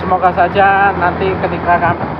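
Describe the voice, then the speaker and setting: A man from Indonesia talking through a face mask in a halting, casual way, giving travel vlog commentary as he rides. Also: high-pitched, flat delivery. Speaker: travel vlogger. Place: outdoors, riding a vehicle on a village road. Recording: dull lo-fi, loud engine and road noise.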